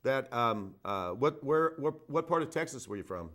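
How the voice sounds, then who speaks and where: This vet radio host takes calls with a medium-pitched, somewhat bright voice, moving at a moderate pace with plenty of expression. He's folksy and repetitive, sprinkling in "uh" and frequent "okay?" check-ins as he hands out casual advice on a phone-in show.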